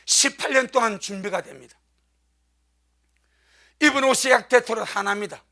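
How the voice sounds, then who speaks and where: Male pastor, fervent emphatic preacher with a high, bright, gravelly voice. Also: normal speed. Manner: fervent, emphatic preaching with frequent amen calls. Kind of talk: sermon.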